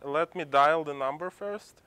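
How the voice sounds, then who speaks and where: Slow, bright-voiced man presenting. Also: a little high, smooth. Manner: halting, with frequent restarts. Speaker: presenter at a user group demo. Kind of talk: live tech demo talk.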